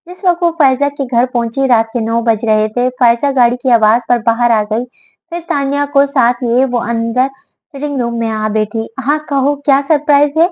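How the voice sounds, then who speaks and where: Woman narrator, bright high voice, close dry mic, steady audiobook read. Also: normal speed, no room sound, rough recording. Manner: steady storytelling delivery.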